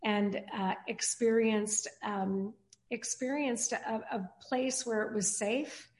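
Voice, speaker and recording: A woman pastor hosting a podcast interview, speaking in a halting way with many fillers and restarts. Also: on the high side, fairly even intonation, darkish tone. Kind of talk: casual interview chat.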